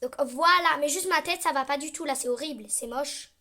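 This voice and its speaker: A woman's voice: high-pitched, fairly quick, pushed and bright. A young woman chatting over her gameplay as a vlogger, complaining dramatically and often dropping into a mutter. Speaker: gaming vlogger. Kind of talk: casual gameplay commentary.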